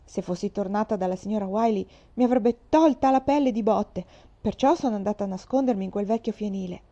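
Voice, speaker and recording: A woman's voice: mid-range voice, fairly quick, mellow, lightly acted. A woman voicing a tough, boastful orphan girl of about twelve who talks in a brash, defiant way. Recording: slightly dull lo-fi recording.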